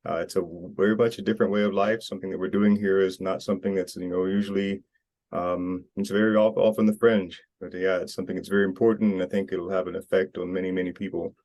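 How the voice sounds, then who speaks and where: Guy with a really low voice, earnest, rambling, lots of restarts, interview guest. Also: little pitch movement, quick pace, a little mellow. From United States. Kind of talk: casual interview talk. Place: Costa Rica.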